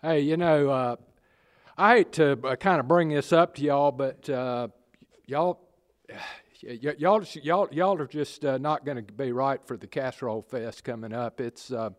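An improv actor playing a bumbling Southern small-town mayor who stammers and fumbles through fillers while delivering bad news. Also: male voice, mid-range voice, measured pace, lightly acted. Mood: sheepish. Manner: hesitant, stammering, full of fillers.

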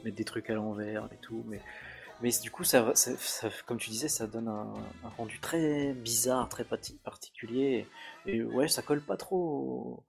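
A man in a casual podcast chat, relaxed and hesitant, who fills his pauses with "euh". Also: mid-range voice, gravelly, faint music behind. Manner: relaxed, hesitant, many fillers.

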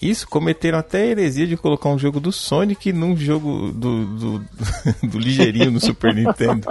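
A man hosting a casual podcast, playful and quick to joke. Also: a little high, gravelly, husky, faint music behind. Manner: lively, playful, laughing easily. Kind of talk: casual banter.

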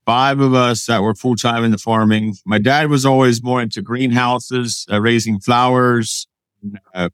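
A man's voice: medium pitch, steady tone, unhurried, clear, resonant tone, no room sound. A man from Pennsylvania, a guest on an interview show, recounting his past in a plain, matter-of-fact way. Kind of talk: casual interview storytelling.

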